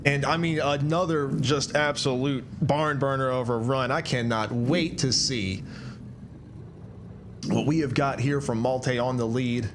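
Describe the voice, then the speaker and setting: A man giving folksy, high-energy play-by-play commentary on a virtual drifting event from his desk. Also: steady tone, a little slow, noisy background. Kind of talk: live sim racing commentary. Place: home desk.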